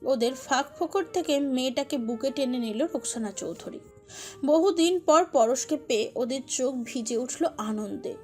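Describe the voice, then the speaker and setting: Woman storyteller, high voice, emotive scripted narration over soft music. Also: normal speed. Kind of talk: dramatic scripted narration of a romantic audio story.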